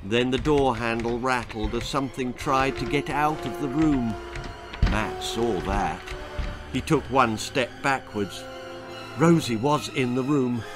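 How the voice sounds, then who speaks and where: Over music, a man with a mid-range voice reads his own spooky, darkly comic children's story at a measured pace. His scripted delivery of this horror-comedy tale is dramatic and suspenseful.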